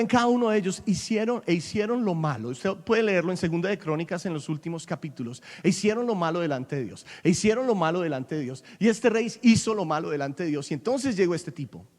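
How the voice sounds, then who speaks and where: Animated bilingual preacher in a reverberant hall. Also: male voice, sits high. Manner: animated preaching, switching between English and Spanish, rising to loud peaks. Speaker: pastor. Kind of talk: sermon.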